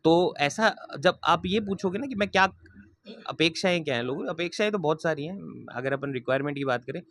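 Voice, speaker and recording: A man's voice: a little high, animated, brisk, a bit bright, a little hiss or hum. A man, answering interview questions in an earnest, emphatic way. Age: 20s. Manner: earnest and emphatic, repeats promises. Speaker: interviewee, local political candidate.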